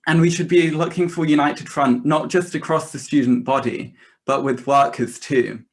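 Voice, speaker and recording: A man's voice: on the high side, steady tone, moderate pace. Young man giving a political rally speech. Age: young adult. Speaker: student activist speaker.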